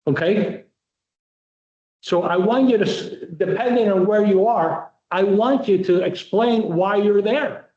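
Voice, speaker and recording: Male law lecturer, high-pitched, direct and repetitive coaching style; roomy, slightly muffled recording. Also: a little mellow. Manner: varies pace, slowing sharply for emphasis. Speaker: law lecturer coaching moot court students.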